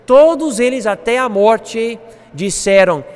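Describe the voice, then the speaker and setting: A man teaching a Bible class, animated, acting out quoted speech. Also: very high voice, takes it slowly, long reverb tail. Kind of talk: classroom lecture.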